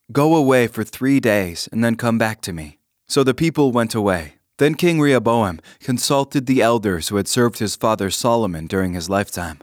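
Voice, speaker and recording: A man giving a calm, measured scripted reading of scripture and a short devotional with prayer. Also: lowish voice, no room sound, clean studio sound. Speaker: devotional reader.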